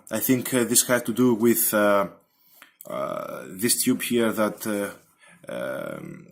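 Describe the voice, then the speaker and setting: A hobbyist presenter with a lowish male voice gives an unscripted technical explanation. He sounds halting and hesitant, with lots of ums.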